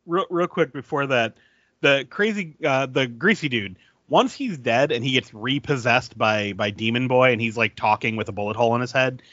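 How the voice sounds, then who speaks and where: Animated man co-hosting a podcast. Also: mid-range voice, dry recording. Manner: animated, laughing storyteller. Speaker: podcast co-host. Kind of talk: casual chat reviewing a film. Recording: dry, dull lo-fi sound.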